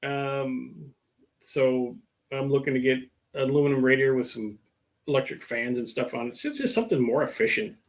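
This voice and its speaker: A middle-aged man with a medium-pitched voice and normal speed hosts a casual live stream about working on his car. He rambles, mocks himself, uses lots of fillers, and reads out viewer comments.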